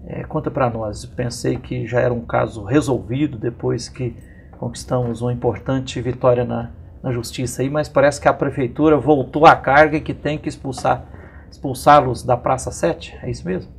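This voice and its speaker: A man from Minas Gerais with a Brazilian accent hosting a community TV interview, speaking slowly with many pauses and fillers. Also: medium pitch, steady tone, vocal fry, husky. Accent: Brazilian Portuguese, Minas Gerais. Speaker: TV program host and interviewer.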